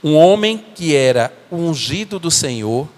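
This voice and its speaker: A man playing a remorseful biblical strongman, telling his own downfall in a halting, earnest first-person church monologue. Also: a little high, lively intonation, darkish tone. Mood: rueful. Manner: earnest, halting storytelling with repeated words. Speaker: church performer. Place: church sanctuary. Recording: echoey church hall.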